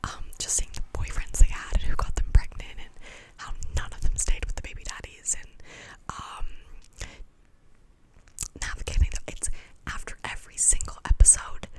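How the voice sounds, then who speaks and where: A woman doing a fast whispered ASMR ramble in a breathy, clicky whisper, casual and slangy, wandering from thought to thought. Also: low-quality recording. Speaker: ASMR video creator.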